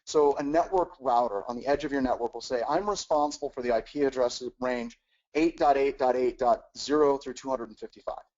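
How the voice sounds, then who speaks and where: A man's voice: mid-range voice, fairly quick, a little mellow, muffled recording. A man teaching in a technical webcast, explaining step by step with frequent "uh"s and repeated words. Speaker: webcast instructor.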